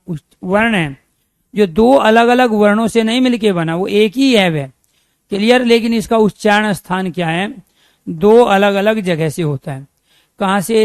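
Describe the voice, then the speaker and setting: A man giving an exam-prep Hindi grammar lecture, drilling students with repeated questions and stretching out key terms slowly. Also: high-pitched, no room sound.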